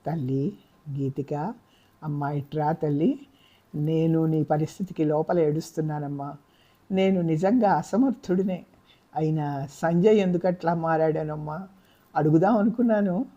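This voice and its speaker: A woman reading a novel aloud, voicing a guilt-ridden older father who speaks softly and apologetically. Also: on the low side, normal speed, dull audio, lightly acted. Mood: remorseful. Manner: soft, apologetic. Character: remorseful helpless older father.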